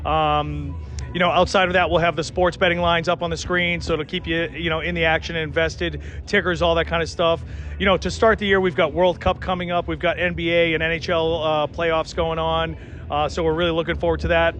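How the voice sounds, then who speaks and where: A man's voice: little pitch movement, brisk, a bit bright, a little hiss or hum. A man promoting his sports venue in an interview, upbeat and full of "you know" fillers, recorded outdoors. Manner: upbeat pitch, many fillers. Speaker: venue operator.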